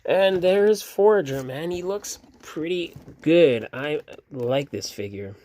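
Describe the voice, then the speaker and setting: A sleepy man casually reviewing action figures, relaxed and rambling with fillers and restarts. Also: fairly high pitch, takes it slowly. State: sleepy, yawning.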